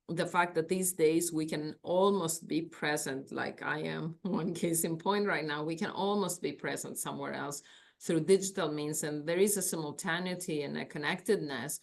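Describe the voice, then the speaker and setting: A Greek woman with a deep voice and a Greek accent speaks as an academic panelist, giving a conference talk over a video call on her laptop from her office. She's thoughtful, searching for words and using fillers.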